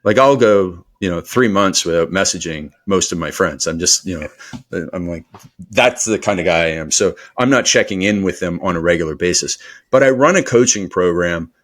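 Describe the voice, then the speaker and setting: A man who is a performance coach, talking as a podcast guest in an energetic, rambling motivational style with many fillers. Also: sits low, moderate pace. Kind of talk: podcast interview conversation.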